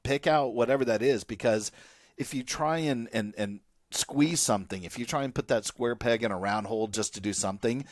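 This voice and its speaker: A man's voice: lowish voice, no echo, clean studio sound. A man co-hosting a podcast, talking in a casual, conversational way with frequent restarts and asides. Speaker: podcast co-host.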